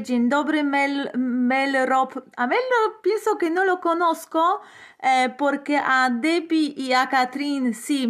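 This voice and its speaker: A woman teaches a live online Polish lesson. She drills phrases aloud and greets her viewers. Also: sits high.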